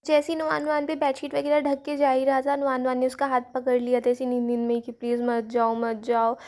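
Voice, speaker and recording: A woman's voice: sits high, flat delivery, fast talker, a little mellow. A woman narrating a casual recap of a drama series, retelling the characters' lines lightly in her own voice and mixing English words into her talk. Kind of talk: casual spoken story recap.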